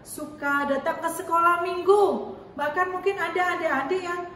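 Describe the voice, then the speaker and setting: A woman Sunday school teacher telling a Bible story to children, animated and chatty. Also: very high voice, normal speed. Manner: animated, talks to kids with many "ya" and "nih". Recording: very echoey room, distant mic, faint noise.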